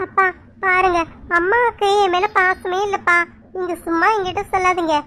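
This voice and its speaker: Lady doing a whiny cartoon daughter, just married, pleading and sulky, super high pitched. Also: fairly even intonation, normal speed, bright, forceful tone, a little hiss or hum. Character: young bride daughter, sulky and teasing. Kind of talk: cartoon voice acting.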